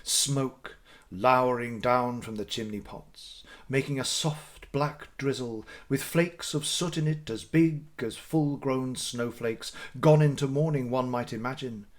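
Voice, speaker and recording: A medium-pitched man narrates classic literature as a dramatic audiobook, phrasing things theatrically and deliberately with pauses for effect.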